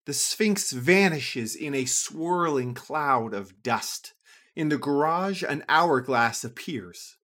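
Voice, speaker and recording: A storyteller reading a scripted adventure story for children, with an expressive, lively delivery. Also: slow pace. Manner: lively, expressive reading with a wide pitch range.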